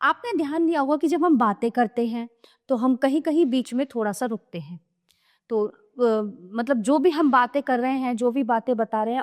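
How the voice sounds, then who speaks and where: A woman teaching a grammar lesson in a chatty way, reading examples slowly and often checking that listeners follow. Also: on the high side, in a large hall. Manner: chatty, explains each point, asks "है ना?". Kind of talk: grammar lesson explained from a book.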